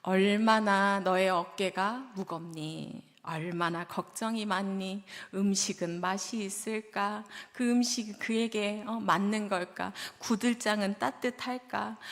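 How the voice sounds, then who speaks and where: A compassionate Jesus speaks in a soft, coaxing, soothing way, as a woman preacher puts him on. The voice sits at a middle pitch. It carries through the long reverb of a church sanctuary. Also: fairly even intonation, a little slow, few pauses, lightly acted. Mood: tender. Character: tender compassionate adult man, Jesus consoling.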